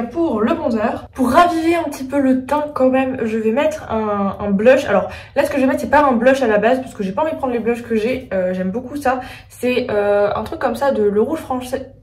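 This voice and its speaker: A woman's voice: a little high, darkish tone. A woman doing a casual makeup tutorial, chatting as she goes with lots of hesitant fillers. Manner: chatty, frequent filler "euh", thinking aloud. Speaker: beauty vlogger. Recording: echoey room, voice a bit far from mic.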